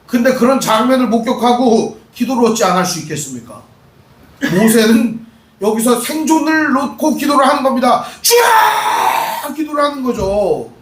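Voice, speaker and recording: A male pastor preaching a lively sermon, asking the congregation questions and acting out voices. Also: very high-pitched, moderate pace. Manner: animated preaching, acts out quoted voices, asks the congregation questions. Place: church sanctuary. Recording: echoey church hall, mic at a distance.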